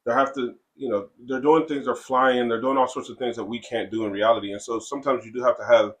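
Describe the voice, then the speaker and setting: A man co-hosting a casual podcast, talking in halting stretches with many fillers and restarts. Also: medium pitch, fairly even intonation, fairly bright tone. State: has the hiccups. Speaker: comic creator and co-host.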